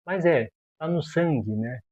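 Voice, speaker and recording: A Brazilian video host delivers casual opinion commentary, animated and exasperated, loaded with rhetorical questions and slang. His pitch is fairly high and his pace unhurried, in a muffled recording.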